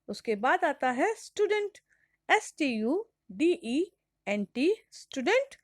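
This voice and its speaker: An Indian woman teacher leads a lesson for small children, switching between Hindi and English and spelling words out one letter at a time. Her voice sits high and swoops up and down, and she takes her time. The sound is close and dry. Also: dry recording. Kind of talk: classroom lesson for young children. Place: school recording.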